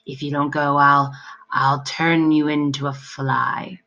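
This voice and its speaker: A woman's voice: level tone, slow, pushed and bright, muffled recording, exaggerated voice. A woman voicing a small, bossy male demon who shrieks and stammers threats, in a storybook reading. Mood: blustering. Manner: shrill, screaming, stammering threats.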